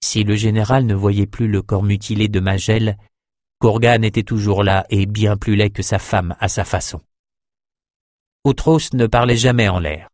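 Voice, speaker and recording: A man narrating a fantasy novel in a steady, measured audiobook reading. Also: lowish voice, no room sound, clean studio sound.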